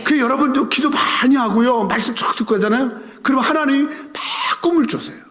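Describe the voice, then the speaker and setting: A male pastor giving a Sunday sermon, animated, often firing rhetorical questions at the congregation. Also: very high voice, fairly quick. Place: church sanctuary. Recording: reverberant church sanctuary.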